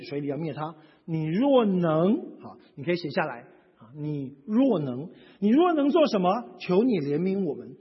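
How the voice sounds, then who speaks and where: A male pastor with a high, very animated voice, preaching a sermon with rhetorical questions. His voice is deeply husky and breathy. It rings out with a long hall reverb on a dull, lo-fi recording. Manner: expressive preaching, rhetorical questions, reads scripture aloud.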